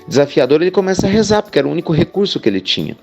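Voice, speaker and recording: Gravelly-voiced man telling a parable. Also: on the high side, sing-song, rapid-fire, darkish tone, soft background music. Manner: chatty, addresses listeners as "gente" with frequent "né". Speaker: spiritual speaker. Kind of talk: inspirational storytelling.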